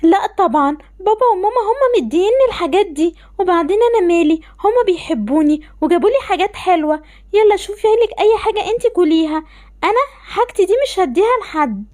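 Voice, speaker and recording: A woman's voice: extremely high pitch, animated, fast, a little mellow. A woman with an Egyptian accent voicing a spoiled, selfish older sister in a voiced game-animation story, talking in a bratty way. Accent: Egyptian Arabic.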